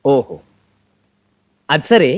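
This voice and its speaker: An actor playing a matter-of-fact family elder in a film comedy. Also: male voice, mid-range voice, big pitch swings, very slow, a little mellow, dry recording. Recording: slightly dull film audio.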